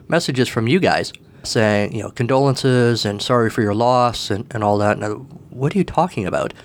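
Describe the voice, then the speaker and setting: A man with a cold, husky in voice, hosting a solo podcast from his table at home in a rambling, wry way. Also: on the low side. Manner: rambling, wry, self-deprecating. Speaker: podcast host. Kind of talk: casual solo podcast monologue.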